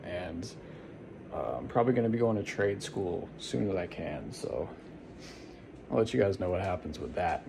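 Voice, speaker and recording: A man's voice: low-pitched, lively intonation, normal speed, gravelly. A man talking casually to viewers in a rambling, laid-back, informal vlog style. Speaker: vlogger. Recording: some background noise.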